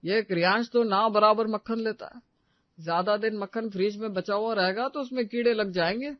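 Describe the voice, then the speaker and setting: Voicing an older Indian grandfather in a cartoon family tale, a man speaks a little fast in a voice high for a man yet close to his everyday one, stubborn and grumbling as he complains. The recording is very dry and somewhat muffled.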